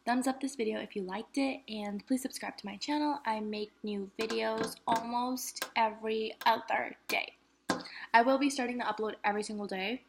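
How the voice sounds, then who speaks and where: A young woman chats casually to her camera between bites, cheering herself on and now and then talking through a mouthful. Her voice sits a little high. There is a clear layer of background noise under the recording. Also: steady tone, moderate pace. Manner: chatty, self-encouraging, talks with mouth full. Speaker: mukbang vlogger. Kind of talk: casual chat to camera while eating.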